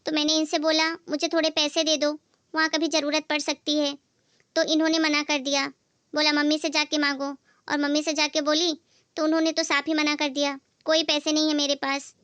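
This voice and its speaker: A woman voicing a meek young daughter-in-law who pleads softly, in an amateur family skit. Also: high-pitched, little pitch movement, brisk, dry recording. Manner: soft and pleading.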